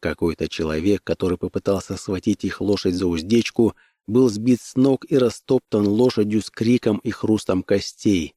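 A man narrating an adventure story in a measured, even storytelling manner. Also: lowish voice, no room sound. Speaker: audiobook narrator. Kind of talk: scripted audiobook narration.

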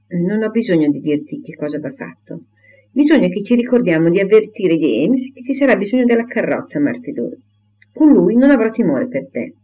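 A fretful elderly invalid gentleman, as a man reads him aloud, fussing and worrying in a raised, slightly high voice. The sound is thin and tinny, like a phone line. It is a storybook reading. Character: fussy anxious elderly gentleman, frail invalid.

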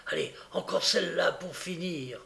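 A man's voice: high voice, moderate pace, gravelly, bright, forceful tone, voice pushed up, exaggerated voice. Coaxing young servant woman, voiced by a man.

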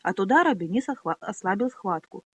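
Animated woman audiobook narrator. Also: medium pitch, brisk, slightly rough, no echo. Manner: expressive, animated.

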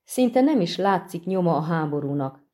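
A brooding swordsman who hunts monsters, terse and low-key, each word held back, as a woman reads him in an audiobook. Her voice is pitched lowish and sounds dark and mellow. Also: expressive, close to an everyday voice. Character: grim, weary male monster-hunter swordsman. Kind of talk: audiobook reading.

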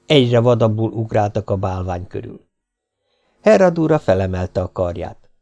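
Gravelly male audiobook narrator. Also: fairly low pitch, animated, dark tone, dull audio. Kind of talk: scripted narration.

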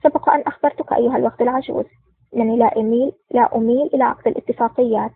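A woman voicing a cool, sarcastic male spy hero in an audiobook, in a low-key reading, with a dry, tinny sound. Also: steady tone, rapid-fire, creaky, slightly rough, no room sound. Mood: mocking. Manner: cold and sarcastic.

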